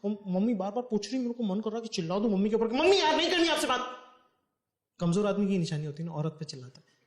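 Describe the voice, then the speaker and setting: Animated male stand-up storyteller. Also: high voice, racing. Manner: animated, acts out voices, shifts between hushed and loud. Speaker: stand-up comedian. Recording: echoey stage with faint noise.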